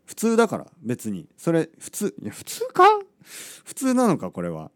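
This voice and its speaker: Animated man with a very lively voice. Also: on the high side, normal speed, no echo, studio quality. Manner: animated, acts out quotes, asks listeners rhetorical questions. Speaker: podcast host. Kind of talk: casual storytelling monologue.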